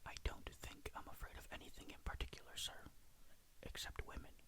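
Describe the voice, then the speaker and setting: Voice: brisk, lightly acted. A storyteller voicing a plucky, polite young male secretary in a storybook, as a whispered role-play. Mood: eager. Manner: polite, eager.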